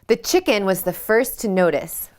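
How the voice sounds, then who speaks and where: A woman leading a children's yoga storytime at home. She reads a picture book aloud and asks the kids gentle questions. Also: mid-range voice, big pitch swings, normal speed.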